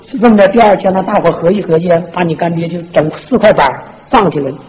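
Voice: medium pitch, quick pace, lightly acted. A performer doing a brash, bossy old village godmother. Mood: scolding gossip. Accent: Northeastern Mandarin. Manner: brash, scolding, gossipy storytelling. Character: sharp-tongued older village godmother, comic and bossy. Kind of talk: comic folk stage duet. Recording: echoey stage, dull lo-fi sound, faint hiss.

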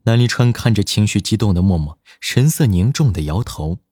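Low-voiced man narrating an audiobook. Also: animated, normal speed, dark tone, slightly rough, no room sound, clean studio sound.

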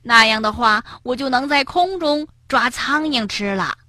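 A woman's voice: on the high side, animated, measured pace, bright, forceful tone, dry recording, clean studio sound, voice pushed up. A woman voicing a carefree young frog in a children's story, exclaiming in wide-eyed wonder. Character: carefree, dreamy young frog, easily impressed.

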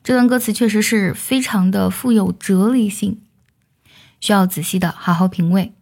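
A woman teaching English song lyrics, explaining each line patiently and singing phrases slowly to demonstrate. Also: medium pitch, fairly even intonation, creaky, darkish tone.

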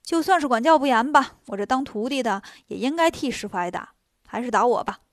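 A woman's voice: on the high side, lively intonation, brisk, no echo, studio quality, lightly acted. Woman doing a brash monkey king. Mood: defiant. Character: cheeky quick-witted male monkey king, bold.

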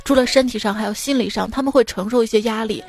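A woman's voice: a little high, quick pace, creaky, a little mellow. A woman radio host reading listener-submitted jokes in a chatty way, often laughing at them, recorded on a studio mic. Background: faint background music.

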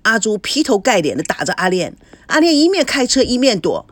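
表情丰富的女声小说朗读者. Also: female voice, fairly high pitch, brisk, no room sound. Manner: expressive, voices every character. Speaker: audiobook narrator. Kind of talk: scripted storybook narration.

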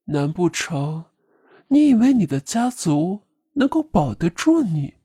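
A woman's voice: on the low side, very animated, unhurried, warm tone, breathy edge, no room sound, clean studio sound, heavily acted. A woman voicing a sinister clown puppet assassin with a distorted, eerie voice, taunting and giggling. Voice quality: distorted, eerie, ugly processed voice. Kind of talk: audiobook drama voice.

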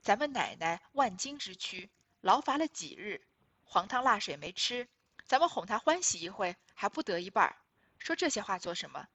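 A woman's voice: medium pitch, very animated, normal speed, a bit bright. A woman reading as a coaxing old nun. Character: older Buddhist nun, coaxing and placating.

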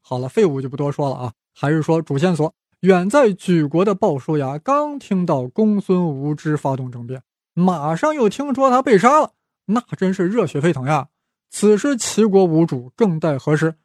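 A man's voice: fairly high pitch, big pitch swings, normal speed, dry recording, clean studio sound. Playful man telling history stories. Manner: playful, chatty, asides to the listener. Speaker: podcast host. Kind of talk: casual history storytelling.

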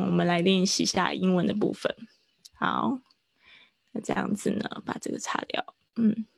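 A woman teaching a live online English lesson, explaining at length and stretching out words slowly to demonstrate them. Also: medium pitch, gravelly, dry recording. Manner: slow, drawn-out pronunciation demonstrations. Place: online class.

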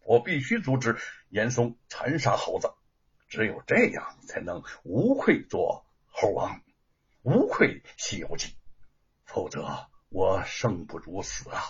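Earnest defiant scholar, husky and lively, as a storyteller puts him on. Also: male voice, on the low side, slow, full character voice. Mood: impassioned. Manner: impassioned, pleading. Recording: dull lo-fi recording.

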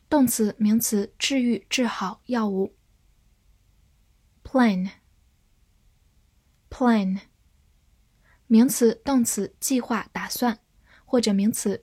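A woman whose first language is Chinese, teaching English vocabulary in a scripted lesson and reading the example sentences slowly and patiently. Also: fairly high pitch, darkish tone, husky, no echo, clean studio sound.

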